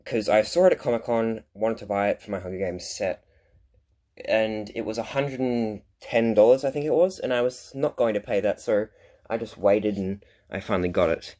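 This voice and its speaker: A man's voice: lowish voice, normal speed, a little mellow. A young man chatting casually as he hosts a top ten countdown of his collection, with self-deprecating asides. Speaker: collector, video host.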